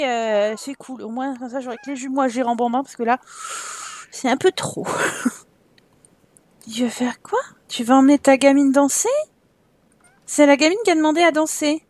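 A young woman with a high voice talks her way through a life-sim game, giving her characters orders and laughing along. Her voice is recorded close and dry. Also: moderate pace, dry recording. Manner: chatty, bossing her game characters around, laughing often. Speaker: gaming YouTuber. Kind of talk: casual let's-play commentary.

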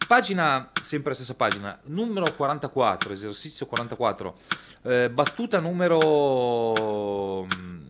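A man's voice: mid-range voice, big pitch swings, measured pace, noisy background. A man in his thirties, a guitar teacher, talks casually through a lesson, counting beats and singing rhythms aloud. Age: 30s. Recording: loud guitar playing behind the voice. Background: electric guitar.

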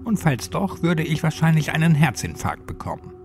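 A man voicing a spirited, teasing young woman in a spoken horror story, with bright, exasperated outbursts. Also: on the high side, big pitch swings, normal speed, soft background music, voice pushed up. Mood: scolding.

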